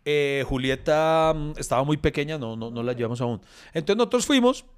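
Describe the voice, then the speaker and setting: A middle-aged man with a Colombian accent, co-hosting a podcast and telling a long story in a casual, animated way. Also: on the high side, fairly quick, smooth. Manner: animated storyteller, acts out quoted voices. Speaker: podcast co-host.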